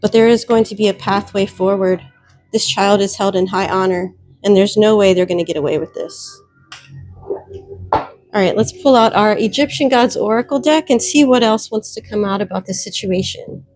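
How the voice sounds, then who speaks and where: A woman's voice: mid-range voice, normal speed, a little mellow, no room sound, faint music behind. A woman giving a solo tarot reading, speaking emphatically, repeating her warnings and addressing viewers directly. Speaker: tarot reader.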